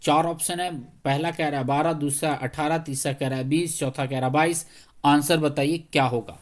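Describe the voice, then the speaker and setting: A male teacher, a little under the weather, talking slowly through exam questions in a conversational way and often checking whether students follow. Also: a little high, fairly even intonation. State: slightly unwell, speaking slowly.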